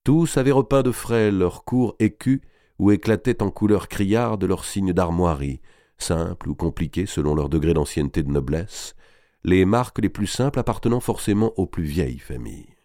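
A man reading a historical novel aloud as audiobook narration, measured and expressive. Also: low voice, dry recording, studio quality.

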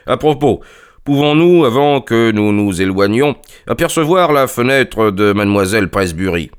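A man's voice: medium pitch, lively intonation, normal speed, clean tone, close to an everyday voice. A man voicing a self-assured, ironic male detective in an audiobook, courteous and dry. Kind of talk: audiobook character reading.

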